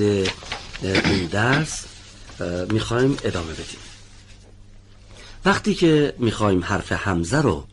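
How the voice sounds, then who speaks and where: A man's voice: lowish voice, breathy edge. A man teaching pronunciation in a studio lesson, patiently explaining sounds and calling on students one by one.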